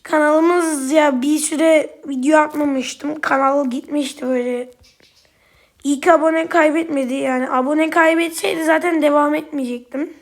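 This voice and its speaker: A woman giving casual gameplay commentary, quick to anger and swearing at opponents, then chatting directly to her viewers. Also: sits high, fairly even intonation. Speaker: gaming YouTuber.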